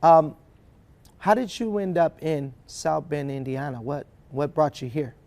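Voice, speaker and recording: A man with a somewhat raised pitch hosting an interview. He keeps affirming his guest with short repeated phrases as he moves to each new question. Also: measured pace, creaky, a little mellow. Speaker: host.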